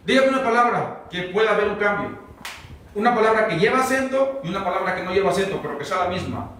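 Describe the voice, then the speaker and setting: A man's voice: high voice, lively intonation, fast talker, a bit bright. A pastor teaching a verse-by-verse Bible sermon, talking conversationally and quizzing his congregation. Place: church sanctuary. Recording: very echoey hall, mic far off.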